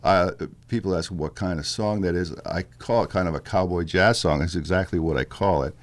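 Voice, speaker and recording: A male musician guest with a deep bass-baritone speaks haltingly and thoughtfully in a casual interview, using fillers and restarts.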